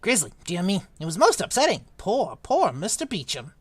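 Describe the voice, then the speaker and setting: A woman's voice: medium pitch, wildly swooping pitch, normal speed, a little hiss or hum. A woman voicing a fussy, gossiping male spirit shopkeeper who fawns and trails off as he talks. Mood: mournful. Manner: gossipy, fawning, hesitant. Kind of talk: reading a novel aloud.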